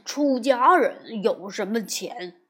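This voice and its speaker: A woman's voice: a little high, lively intonation, slow, breathy edge, full character voice. A woman voicing a greedy, cowardly male pig monk who whines and blusters in a storybook tale. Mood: pleading. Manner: whiny, blustering.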